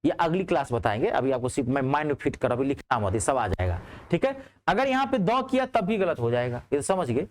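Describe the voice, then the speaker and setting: A man teaching a grammar class in speech, asking his students checking questions and answering them himself. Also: a little fast. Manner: lively, rising on questions and dropping low on answers.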